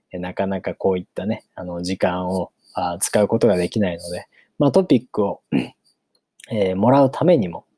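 Man, story reader, relaxed pace with filler pauses, dark mellow tone, dry close sound. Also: fairly low pitch, no echo. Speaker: channel host reading a novel aloud for learners. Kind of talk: casual chat, then story reading.

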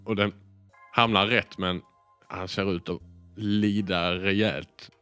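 Game master, male, low voice, easygoing and hesitant, bone-dry sound. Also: clear, resonant tone, no echo, faint music behind. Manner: relaxed, hesitant narration with fillers. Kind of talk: narrating a tabletop game.

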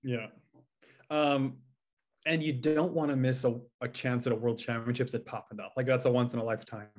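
A man co-hosting a podcast in loose, casual chat. His voice sits at an ordinary middle pitch, and he rambles through plenty of fillers and restarts, swearing freely as he talks. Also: fairly even intonation, normal speed, a little mellow. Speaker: podcast co-host.

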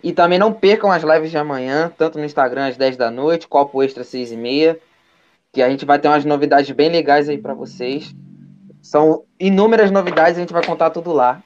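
Brazilian guy hosting a live podcast, slangy chat, voice a bit high, muffled lo-fi sound. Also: fairly quick, darkish tone. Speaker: podcast live stream host. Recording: dull lo-fi sound.

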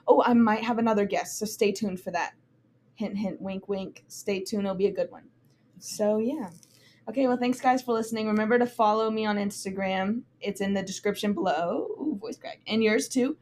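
A young woman hosts a relaxed podcast chat, upbeat and laughing easily as she talks. Her voice sits at a middle pitch, with faint noise behind it. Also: normal speed. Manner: chatty, laughs often, upbeat. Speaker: podcast host. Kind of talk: casual chat.

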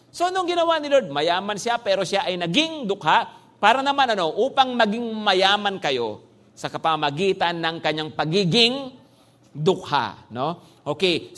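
A male pastor preaching a sermon in a lively, conversational way, often tossing "no?" to the congregation. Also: sits high. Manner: animated preaching, frequent "no?" tag questions, mixing English phrases.

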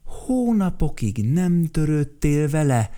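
Man playing an indignant creature, storybook, scolding, slow drawn-out words, high. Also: very animated, dark tone.

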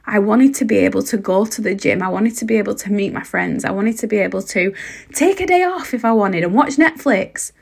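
A woman podcast host and coach with a hoarse, croaky voice, giving an emphatic motivational talk straight to the listener, repeating phrases for weight. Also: medium pitch, lively intonation, brisk. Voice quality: husky, croaky. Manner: emphatic, repetitive, direct address to listener. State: hoarse, sore voice.

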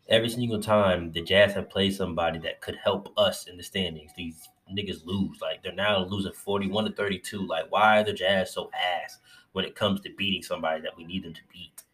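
Deep-voiced man ranting about his team. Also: fairly quick. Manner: loose, profane, excitable fan talk. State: recovering from covid, a little lightheaded. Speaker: sports fan vlogger. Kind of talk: casual game recap.

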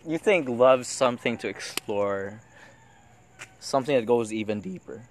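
A man's voice: medium pitch, measured pace. A young man with a Filipino accent rambling in a giggly, drunken way in casual podcast chat, repeating himself and swearing. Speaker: podcast host. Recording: faint background noise.

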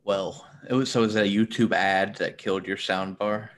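A man's voice: fairly low pitch, fairly even intonation, normal speed. A man hosting a casual podcast, with dry, mock-earnest jokes. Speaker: podcast host.

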